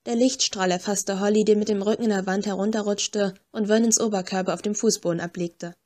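A woman reading a first-person audiobook story in a measured, tense storytelling manner. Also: mid-range voice, fairly even intonation, a little mellow. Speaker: audiobook narrator. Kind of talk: first-person scripted narration.

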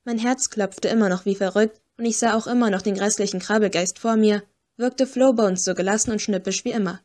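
Lady reading an audiobook, first person, clear and even. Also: medium pitch, brisk. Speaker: audiobook narrator. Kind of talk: scripted first-person narration.

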